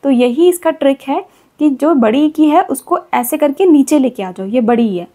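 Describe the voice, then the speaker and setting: A woman teacher explaining Hindi vowel signs to children, repeating example words slowly and patiently. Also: sits high, creaky, mellow, breathy edge.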